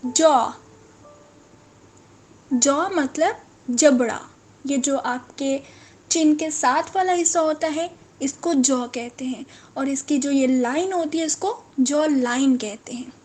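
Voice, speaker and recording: A woman teaching English vocabulary, saying each word slowly, repeating it and correcting common mispronunciations. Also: sits high, darkish tone, soft background music. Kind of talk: slow, repetitive vocabulary lesson.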